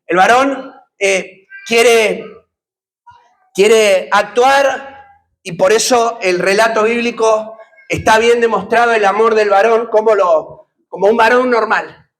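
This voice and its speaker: A man's voice: high-pitched, slow pace, fairly bright tone, poor audio. A man preaching a sermon, putting questions to the congregation and joking with them. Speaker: pastor.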